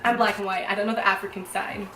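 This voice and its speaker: A young woman hosting a casual chat with her sisters, talkative and quick to laugh. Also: mid-range voice, little pitch movement. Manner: chatty, laughs easily. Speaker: channel host. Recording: echoey room, mic at a distance. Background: music playing.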